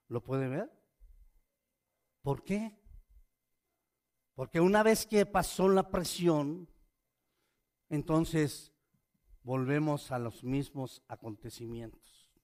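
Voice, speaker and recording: A man's voice: mid-range voice, a little mellow. A man preaching a sermon, reading scripture aloud and asking his listeners pointed questions. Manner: asks the listeners questions, reads scripture with rising force.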